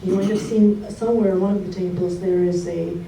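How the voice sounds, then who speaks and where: A woman from Russia giving a heartfelt, halting memorial tribute speech. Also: fairly low pitch, steady tone, creaky, mellow. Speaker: eulogy speaker. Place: memorial gathering hall. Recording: roomy hall from far off, faint noise.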